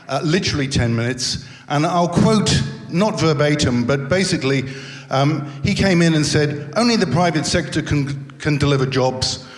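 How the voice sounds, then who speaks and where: A middle-aged male academic asks a pointed, animated question into a handheld mic in a lecture hall. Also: fairly high pitch. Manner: animated, pointed, mildly indignant. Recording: long hall reverb.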